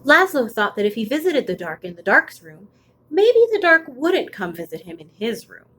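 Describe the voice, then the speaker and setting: A woman reading a children's picture book aloud expressively, with deliberate, suspenseful phrasing. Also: fairly high pitch, very animated, sharp tone, breathy edge. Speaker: storybook reader.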